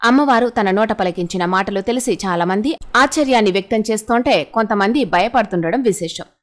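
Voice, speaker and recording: A woman's voice: medium pitch, brisk. A woman narrating a news report in a formal, scripted voice-over style. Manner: formal reading of reported prophecy.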